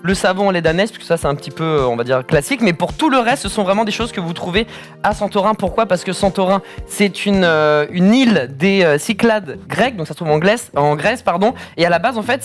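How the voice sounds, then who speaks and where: A woman presenting beauty products as a columnist on a morning stream show, in a casual, chatty way and explaining step by step. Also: fairly low pitch.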